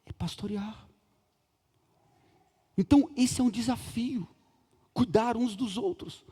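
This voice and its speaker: A man's voice: very high voice, slow, mellow, husky. A middle-aged Brazilian man preaching in a large church, joking and acting out dialogue as he tells stories. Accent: Brazilian Portuguese. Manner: humorous, chatty, acts out dialogue. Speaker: pastor. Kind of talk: sermon with storytelling. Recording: reverberant church hall.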